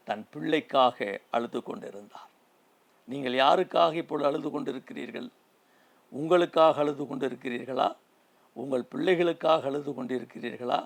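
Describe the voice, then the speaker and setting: Gravelly male preacher. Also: mid-range voice. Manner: slow emphatic preaching, repeating phrases. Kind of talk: sermon.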